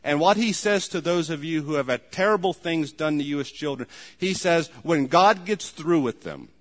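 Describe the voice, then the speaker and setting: A male pastor preaching a sermon, emphatic and rising to shouts at times. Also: fairly high pitch, normal speed, in a large hall.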